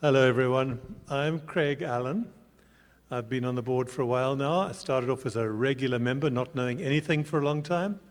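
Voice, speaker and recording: A man's voice: medium pitch, brisk. A man from South Africa, the board chair, introducing himself on a panel in an easygoing, wry way. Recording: large hall reverb.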